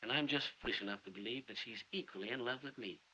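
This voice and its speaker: A man's voice: medium pitch, fast talker, bright, forceful tone, breathy edge. An earnest lovesick young man. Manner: earnest, solemn declarations. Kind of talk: 1930s film acting. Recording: dull 1930s film soundtrack.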